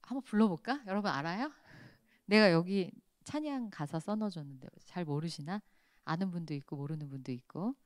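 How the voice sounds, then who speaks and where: Smooth-voiced woman teaching a prayer class. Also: fairly low pitch, brisk, dry recording, studio quality. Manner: lively storytelling, acting out quoted voices.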